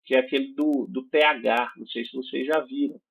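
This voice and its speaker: Over tinny, phone-quality sound, a man with a mid-range, gravelly, slightly rough voice speaks briskly with fairly even intonation. He's a Brazilian English teacher online, patiently explaining in a Brazilian Portuguese accent and often asking "certo?" or "né?" to check in.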